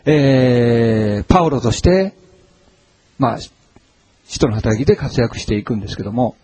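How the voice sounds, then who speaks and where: Male pastor, mellow husky tone, lively conversational sermon, dry close sound. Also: mid-range voice, unhurried, no room sound. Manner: conversational, animated preaching with frequent fillers.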